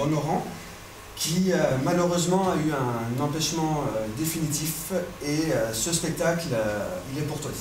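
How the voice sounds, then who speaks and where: A man giving an informal thank-you speech from a comedy stage, hesitant and full of long ums. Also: a little high. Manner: hesitant, halting delivery with many long ums. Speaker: comedian thanking the audience at the end of a show. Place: indoor comedy theatre stage. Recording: echoey, noisy theatre stage from far off.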